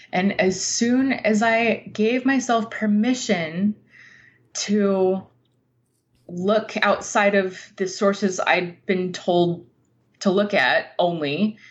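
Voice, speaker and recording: Over muffled audio, a woman with a medium-pitched voice gives a reflective, conversational interview as a guest writer. She speaks candidly and informally, in a halting way.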